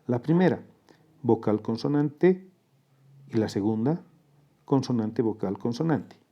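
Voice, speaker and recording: A man narrating a scripted lesson in a measured, methodical way, breaking words down part by part. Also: medium pitch, animated, highs cut off. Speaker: teacher.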